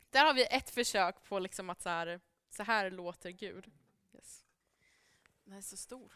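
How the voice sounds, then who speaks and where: A woman's voice: mid-range voice, fairly bright tone, clear, resonant tone, no room sound, studio quality. A woman giving an informal sermon to a congregation, casual and chatty, with many fillers and frequent laughs. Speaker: preacher.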